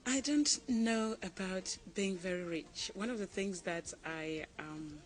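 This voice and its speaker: On a TV interview, a guest from Cameroon, a woman in her forties, responds thoughtfully and calmly, laughing readily. She speaks at medium pitch, and the audio is poor.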